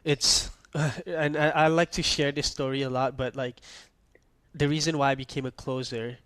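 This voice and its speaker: A young man from Malaysia, hosting a podcast, telling a story in a relaxed way and asking "right?" often. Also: mid-range voice, normal speed, clear, resonant tone, no room sound. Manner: storytelling, laid-back, peppered with "like" and "right?". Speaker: podcast host. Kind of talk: casual podcast chat.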